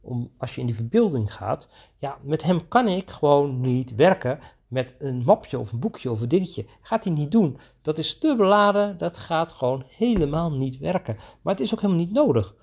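A man who coaches children in his own practice, telling a podcast story in an enthusiastic, animated way. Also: on the high side, normal speed, creaky, slightly rough. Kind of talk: podcast monologue.

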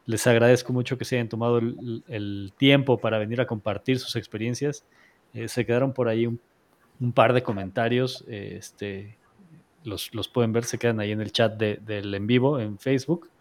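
A man's voice: mid-range voice, steady tone, normal speed. A man hosting a live online talk show, speaking with many fillers and restarts as he thanks his guests. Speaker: podcast host. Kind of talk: casual live-streamed chat.

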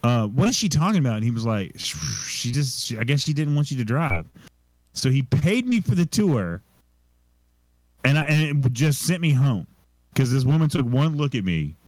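A man's voice: medium pitch, expressive, normal speed, a little mellow, no echo, low-quality recording. Rambling self-deprecating young man. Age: young adult. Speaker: podcast co-host. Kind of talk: casual storytelling chat.

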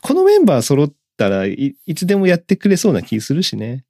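Lively fast-talking man chatting. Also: fairly high pitch, no room sound, clean studio sound. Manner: lively, excitable, laughs often. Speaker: podcast host. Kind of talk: casual chat.

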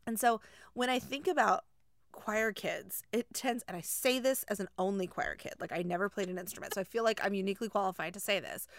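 A woman's voice: medium pitch, a little fast, no echo. Chatty woman choir teacher co-hosting. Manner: animated, chatty, asks rhetorical questions. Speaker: choir teacher, podcast co-host. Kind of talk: casual chat.

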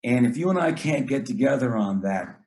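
A man's voice: mid-range voice, animated, normal speed, a little mellow. Earnest middle-aged male basketball coach. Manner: earnest, repeats words, acts out talks with players. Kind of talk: casual podcast chat.

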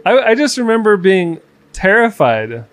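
A man in his twenties chatting casually as podcast co-host, reflective and halting, with fillers and restarts. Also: high voice, big pitch swings, dry recording. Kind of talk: casual conversation.

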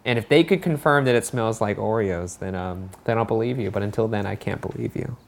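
A man's voice: fairly low pitch, brisk, creaky. A man co-hosting a podcast in casual chat, with a laid-back, dry, teasing way of talking. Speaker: podcast co-host.

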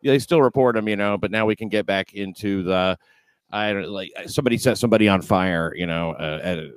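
A man hosting a podcast, chatting casually with a dry, deadpan delivery. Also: on the low side, fairly quick, clean tone, dry recording. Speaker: podcast host. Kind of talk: casual comedic podcast chat.

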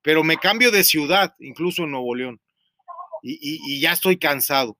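A Mexican man with a high, bright voice rambles through a profane, joking story on a radio talk show. He sounds close to the mic in a dead, dry space. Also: expressive, moderate pace, no echo.

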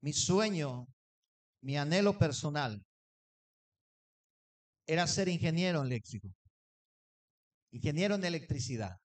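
A man's voice: a little high, lively intonation, measured pace, long pauses. A man preaching a sermon, telling a personal story and acting out the dialogue. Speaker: pastor.

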